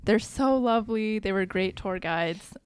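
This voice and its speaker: Casting: young adult woman, podcast co-host, chatty with constant "like" fillers, plays out the quotes, mid pitch, dry sound. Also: measured pace, clear, resonant tone, no echo. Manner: chatty, full of "like" fillers, acts out quoted speech. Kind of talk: casual chat.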